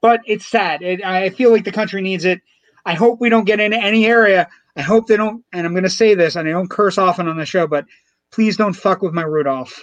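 A middle-aged man hosting a talk show, telling stories in an animated, emphatic way. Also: high-pitched, fairly quick, no echo, muffled recording. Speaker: radio show host. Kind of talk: casual talk show banter.

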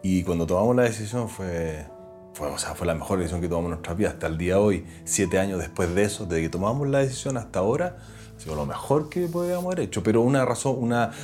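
A man with a Chilean accent, an actor and presenter, telling his story as an interview guest in an earnest, animated way. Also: lowish voice, quick pace, faint music behind. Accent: Chilean Spanish. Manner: earnest, animated, voices other people when retelling. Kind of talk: reflective conversational storytelling.

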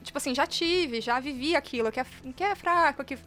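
Casting: young São woman, quick and high-voiced, giggly storyteller, light music underneath. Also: fairly bright tone. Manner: giggly, tells stories with acted-out quotes. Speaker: podcast co-host. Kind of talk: casual chat.

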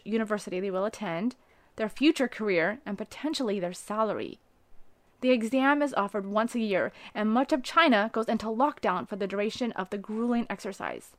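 A woman's voice: a little high, no echo. Earnest woman reading a devotional. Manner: earnest, rising to emphatic preaching on key phrases.

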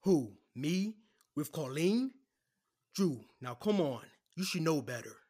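Man as defensive, guilty lawyer, a bit high. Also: very animated, slow, darkish tone, full character voice. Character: apologetic male lawyer, defensive. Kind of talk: audio drama acting.

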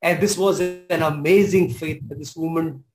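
A man's voice: fairly high pitch, fairly even intonation, moderate pace, soft background music, rough recording. A man preaching a sermon as pastor, emphatic and repeating his key phrases with exclamations.

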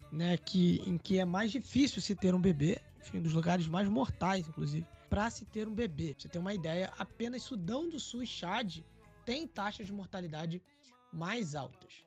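A Brazilian man with a Brazilian Portuguese accent co-hosts a podcast, talking through the news casually and hesitantly with many fillers. His voice sits high with a darkish tone, and the sound is lo-fi.

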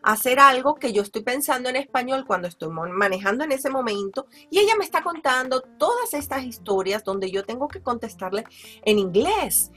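A woman's voice: high voice, lively intonation, normal speed, a bit bright, soft background music. A woman hosting a podcast, chatting casually and sharing her own story with frequent reactions. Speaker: podcast host. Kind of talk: casual conversational chat.

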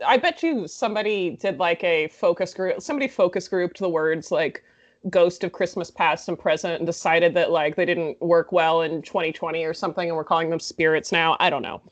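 A woman's voice: fairly low pitch, brisk. A woman recapping a movie in casual chat, sarcastic and full of "like" fillers. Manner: chatty, sarcastic, many "like" fillers. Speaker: podcast host recapping a movie.

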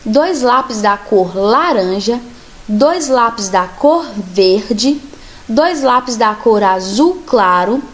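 A woman, a music teacher calmly explaining a children's musical game step by step. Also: fairly high pitch. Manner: slow, patient, clearly spelled-out instructions. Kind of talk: children's music lesson instructions.

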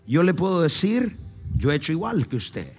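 A man's voice: a little high, big pitch swings, moderate pace, a little mellow, husky, faint music behind. A man preaching a fervent sermon as a pastor, leading the congregation in call-and-response.

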